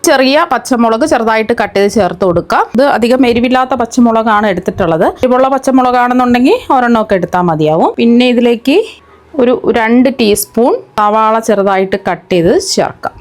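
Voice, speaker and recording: A woman hosting a cooking channel, explaining a recipe step by step in a steady voice-over. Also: fairly high pitch, a little fast.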